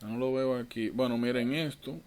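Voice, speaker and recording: A man's voice: mid-range voice, steady tone, moderate pace, a little mellow. A man tutoring medical students in an online lecture, informal and thinking aloud, often correcting himself.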